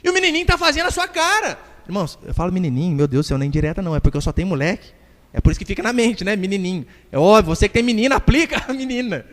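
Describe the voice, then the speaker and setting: A man's voice: high voice, very animated, rapid-fire, fairly bright tone. A man with a Brazilian Portuguese accent preaching a sermon as pastor, emphatic and acting out little dialogues. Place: church hall. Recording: reverberant church hall.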